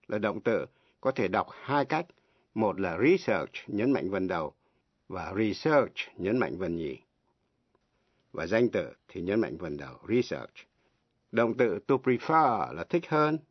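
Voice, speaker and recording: A man teaching English on the radio, giving each word and example slowly, spelling words out letter by letter and translating them. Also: fairly low pitch, slightly rough, no echo. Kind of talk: slow, deliberate language lesson. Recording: dry, dull lo-fi radio broadcast.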